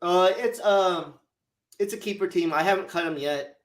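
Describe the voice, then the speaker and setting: A man chatting on a fantasy football podcast in a fairly high voice. His talk is relaxed and rambling, full of fillers, and sounds like it comes through a remote call mic. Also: normal speed. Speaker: podcast co-host. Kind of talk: casual fantasy football chat.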